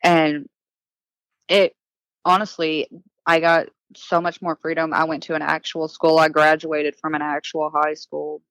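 A woman's voice: sits low, little pitch movement, unhurried, fairly bright tone, dry recording, low-quality recording. A woman recounting her past plainly and earnestly as a guest in a casual interview. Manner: earnest, matter-of-fact recounting. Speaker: podcast guest.

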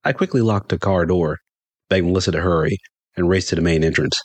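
A middle-aged man telling a funny personal story in first person, animated and getting excited when he quotes himself. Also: a little fast, husky, dry recording. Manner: animated, jumps higher for excited quoted lines.

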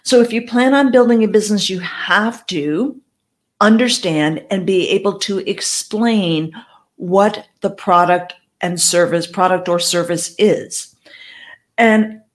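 A woman who speaks English as her first language gives direct, conversational advice to camera as a network marketing coach. Her voice is mid-range and she talks slowly.

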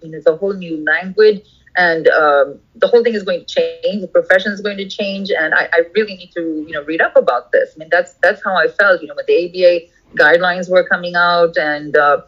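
A woman's voice: lowish voice, fairly quick. Middle-aged woman from India, digressive answers. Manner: digressive, thinks aloud with many restarts. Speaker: guest lawyer. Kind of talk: interview answers. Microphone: video call. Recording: lo-fi video call audio.

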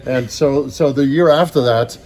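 A man who grew up in Ethiopia, a podcast guest in casual conversation, telling stories in an animated, earnest way, recorded outdoors on a farm. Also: medium pitch, moderate pace, soft background music.

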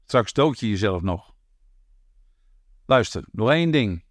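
A man's voice: fairly low pitch, lively intonation, unhurried, no echo, clean studio sound. A man reading the part of a patient male police commissioner who talks in a coaxing, placating way.

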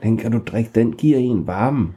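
A man's voice: medium pitch, dark tone, pitched above the performer's own voice, close to an everyday voice. A man voicing a sensible, matter-of-fact young boy in a bedtime story. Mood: practical. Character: young boy hero Kaj, practical and sensible.

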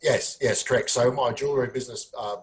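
A man's voice: medium pitch, fairly even intonation, a little fast, rough recording. A man with an Australian accent, a podcast guest, talking plainly and earnestly with frequent ums. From South Australia. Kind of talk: conversational interview.

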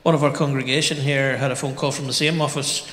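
A man's voice: mid-range voice, level tone, fast, fairly bright tone. A man hosting a live on-stage interview, asking enthusiastic, rambling questions. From Northern Ireland. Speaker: podcast host, interviewer. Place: large hall before a live audience. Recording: echoey hall with long reverb.

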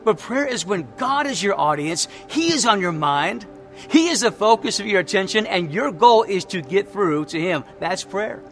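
Male pastor, sermon, high voice, emphatic repetition, faint music underneath. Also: lively intonation, moderate pace. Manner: emphatic preaching, repeats key phrases, tells stories.

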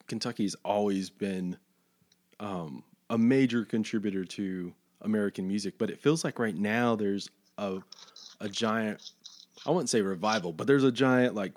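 Hosting a casual podcast interview, a man with a fairly low, darkish voice poses meandering questions. He hesitates constantly, filling gaps with fillers and starting over.

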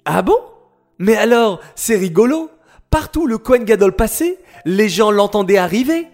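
Man doing excitable wide-eyed little boy for a children's storybook, high lively voice. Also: moderate pace, faint music behind. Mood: curious, excited. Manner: asks eager, wide-eyed questions. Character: eager curious young boy, excitable.

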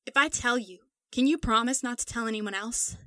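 A woman's voice: a little high, brisk, fairly bright tone, dry recording, natural voice. Woman voicing a morose, distraught young man. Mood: subdued. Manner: matter-of-fact, subdued.

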